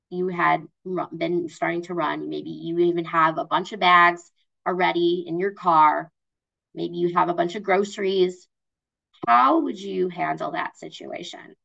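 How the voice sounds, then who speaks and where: Woman running an online workshop, gravelly voice, chatty, muffled lo-fi sound. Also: on the low side, pushed and bright. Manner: chatty, acts out example voices. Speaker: workshop presenter. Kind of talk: online wellbeing workshop talk.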